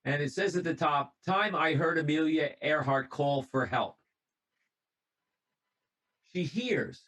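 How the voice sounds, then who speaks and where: A man's voice: a little high, fairly bright tone, low-quality recording. Conversational man presenting over a video call. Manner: conversational storytelling, reading out notes, small restarts. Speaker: presenter at a radio club talk. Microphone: computer mic on a video call.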